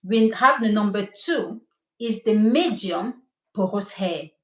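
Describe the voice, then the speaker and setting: Slow-talking Cameroonian French-accented woman. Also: medium pitch, lively intonation, roomy sound. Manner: enthusiastic, checks in with listeners often. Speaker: hair coach and cosmetologist. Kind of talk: live-stream hair care lesson. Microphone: streaming.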